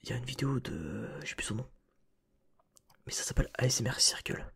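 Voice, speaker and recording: The voice is a man's, medium in pitch, animated and fairly quick, with a creaky, husky quality and a touch of brightness. As an ASMR video host, he whispers a loose, casual chat directly to the listener through a close binaural mic.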